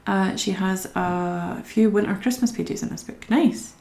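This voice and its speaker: A woman's voice: mid-range voice, a little slow, a little mellow, echoey room. A young Scottish woman chatting with viewers as she colours during a live stream. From Scotland. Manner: chatty, talks to viewers while working. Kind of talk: casual chat while colouring.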